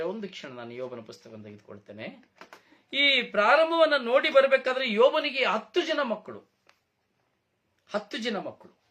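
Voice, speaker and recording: A man preaching a sermon, emphatic, with repeated phrases and rhetorical questions, dropping to a soft low voice when he asks them. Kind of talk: Kannada sermon.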